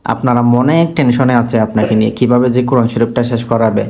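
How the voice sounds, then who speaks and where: A man, a Quran tutor gently scolding and coaxing his student on camera, asking question after question. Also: mid-range voice, level tone, fast, creaky, a little hiss or hum.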